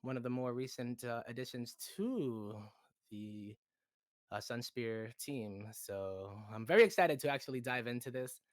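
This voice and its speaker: A man's voice: mid-range voice, measured pace, dry recording. A man hosting a casual livestream interview, chatty, upbeat and teasing. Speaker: community host.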